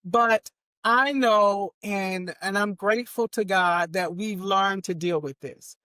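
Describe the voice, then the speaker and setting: A woman's voice: mid-range voice, slow, pushed and bright, smooth, no echo. Emphatic woman in her fifties hosting. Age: 50s. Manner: earnest, emphatic, often adds "right?" and "okay?". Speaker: talk show host. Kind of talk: casual chat.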